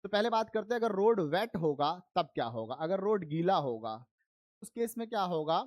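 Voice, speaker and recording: A man's voice: high-pitched, sing-song, moderate pace, a little mellow, no room sound. A man teaching an online physics lesson, explaining step by step and often checking that his students are following. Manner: switches between Hindi and English terms. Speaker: science teacher.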